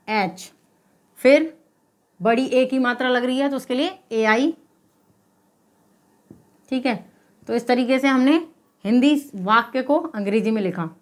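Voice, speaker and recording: A woman's voice: fairly high pitch, unhurried, pauses often. A woman teacher explaining spelling step by step, patiently posing questions and then answering them herself. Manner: checks in with repeated "okay?". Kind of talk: spelling lesson.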